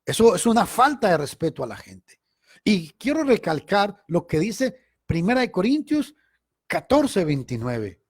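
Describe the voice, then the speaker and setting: A man leads a Bible study like a sermon, with a fairly high voice that leaps up and down. He stresses key words loudly, then drops into quiet asides. The sound is dry and close. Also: big pitch swings, measured pace, husky, dry recording. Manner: emphatic, swings between loud stress and quiet asides. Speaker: Bible teacher.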